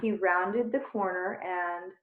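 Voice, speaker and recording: A woman reading a children's chapter book aloud with unhurried, expressive storytelling. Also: lowish voice. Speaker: reader. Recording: tinny phone-like sound in a roomy space.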